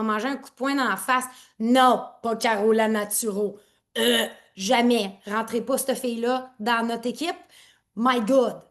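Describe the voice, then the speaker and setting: A woman with a lively Quebec French accent leads an online training session, talking fast and loosely and jumping between thoughts. Her voice sits a little high, and she laughs often. The sound comes through a laptop on a video call. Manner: excitable, rambling, laughs often. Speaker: network marketing team leader. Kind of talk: live online training talk.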